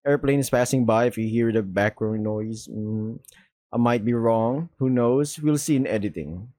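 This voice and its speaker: A man casually commenting while he plays a visual novel, dropping animated, slangy asides. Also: mid-range voice, normal speed, no room sound. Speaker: gamer playing a visual novel. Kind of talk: casual gameplay commentary with reading aloud.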